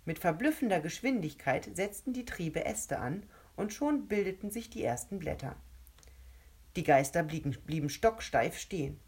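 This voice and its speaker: A woman narrating a children's storybook in a calm, steady reading voice. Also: lowish voice, normal speed, breathy edge.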